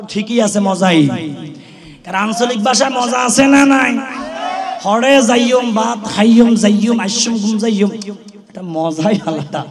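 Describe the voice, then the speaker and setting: A man from the Khulna region preaching a sermon at an open-air gathering, impassioned, drawling and chanting phrases and calling on the listeners to respond. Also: high-pitched. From Khulna region, Bangladesh. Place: large outdoor religious gathering. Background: crowd.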